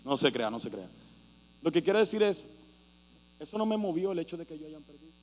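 A man preaching a sermon as pastor, telling a story animatedly and acting out shouting crowds. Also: a little high, big pitch swings, quick pace. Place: church hall. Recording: reverberant hall with mains hum.

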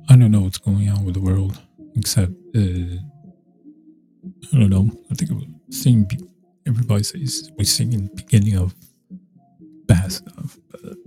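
A man's voice: fairly low pitch, gravelly, warm tone. A man hosting a casual solo podcast, rambling and meandering with many fillers and restarts. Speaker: podcast host.

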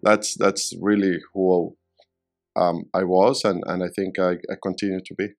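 Gravelly, low-voiced middle-aged man. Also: level tone, faint music behind. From Venezuela. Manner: halting, often repeats words while searching for them. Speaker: real estate developer, guest. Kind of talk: casual interview answers.

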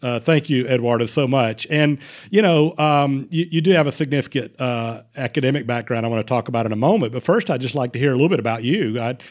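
A man's voice: mid-range voice, fast, darkish tone. Hesitant man hosting a podcast. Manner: hesitant, many fillers and restarts. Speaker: podcast host. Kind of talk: casual interview hosting.

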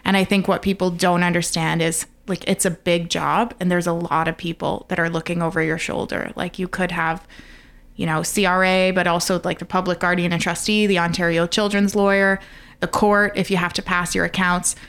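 A woman's voice: on the low side, level tone, fairly quick, a bit bright. A Canadian woman speaking as an expert podcast guest, explaining conversationally and stressing her points.

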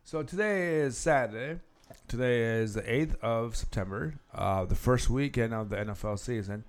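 A man's voice: mid-range voice, moderate pace. An American man hosting an amateur podcast in a casual, conversational style. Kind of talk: casual chat.

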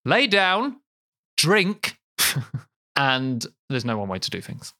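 A man's voice: medium pitch, huge pitch swings, takes it slowly, bright, forceful tone. Chatty man, easy laughter. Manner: chatty, laughs often, playful asides. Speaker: podcast host and guest. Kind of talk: casual chat.

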